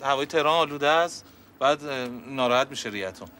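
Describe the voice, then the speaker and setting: A man's voice: medium pitch, pushed and bright, a little hiss or hum, close to an everyday voice. An actor playing a stubborn, cheeky young man who repeats himself insistently, in a TV sitcom. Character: stubborn meddling young man, landlord's son. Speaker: landlord's son. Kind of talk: TV sitcom acting.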